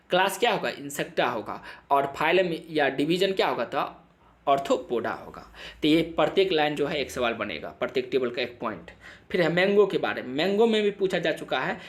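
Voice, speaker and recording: A young male biology teacher giving an exam-prep lecture, drilling students with repeated questions and answers and reading English textbook lines haltingly. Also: a little high. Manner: switches between Hindi and halting read-aloud English.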